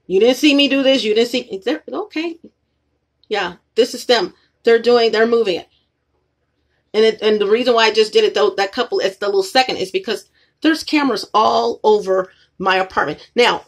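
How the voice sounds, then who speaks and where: A woman with a fairly high, fairly bright voice vlogs from her apartment, rambling casually and repeating herself as she talks to viewers. Her phone camera points up at the ceiling.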